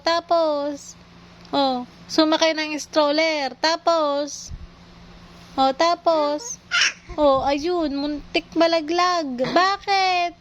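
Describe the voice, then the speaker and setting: Very high-voiced slow coaxing mother. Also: dull audio, slight background noise. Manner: coaxing, playful, slow questioning. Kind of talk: casual home video talking to a toddler.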